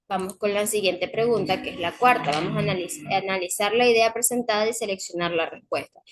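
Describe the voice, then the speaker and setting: A woman's voice: fairly high pitch, slight background noise, rough recording. A woman teacher going through test questions one by one, explaining each answer with frequent fillers and self-corrections. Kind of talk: recorded class explanation.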